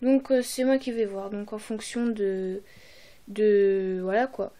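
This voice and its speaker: A woman's voice: mid-range voice, fairly even intonation, slow pace, mellow. A young woman presenting her holiday purchases in a casual haul video, hesitant and full of fillers and restarts. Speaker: vlogger.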